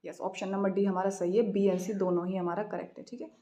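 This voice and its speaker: An Indian woman teaching English literature in an exam practice lesson, reading each question slowly and then explaining quickly in a mix of Hindi and English. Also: mid-range voice, steady tone, mellow. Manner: repeats "theek hai" after each answer.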